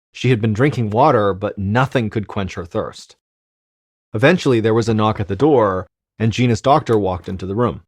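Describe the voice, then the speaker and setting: Low-voiced man narrating a suspenseful story. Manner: measured, suspenseful delivery that drops quieter at tense moments. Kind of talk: scripted true-story narration.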